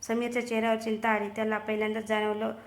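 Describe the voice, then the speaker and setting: A woman storyteller reading a dramatic serial story aloud in a steady, expressive way. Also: on the high side, rapid-fire, slight background noise. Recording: roomy echo.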